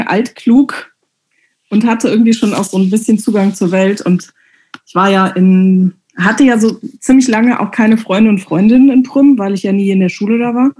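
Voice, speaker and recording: Female guest, mellow tone, relaxed, hesitant conversational delivery. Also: medium pitch. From Germany. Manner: relaxed, hesitant with many fillers. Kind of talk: casual conversation.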